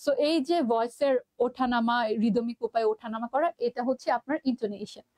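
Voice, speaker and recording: A woman's voice: fairly high pitch, a little fast, warm tone, dry recording. A woman with a Bangladeshi Bengali accent teaching a live online class, chatty, mixing in English terms and reading out student comments.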